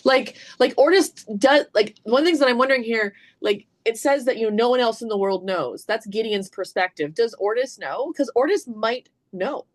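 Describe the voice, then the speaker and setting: A woman co-hosting a casual book-discussion podcast, talking in an animated way and thinking aloud with lots of "like"s. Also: a little high, moderate pace, hardly any pauses. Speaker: podcast co-host.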